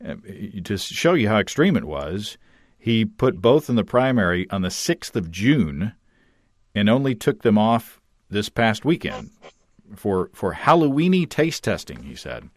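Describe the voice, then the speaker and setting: Lively, low-voiced male podcast host. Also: unhurried, no room sound, clean studio sound. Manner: chatty and easygoing. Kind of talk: casual podcast hosting, reading listener notes.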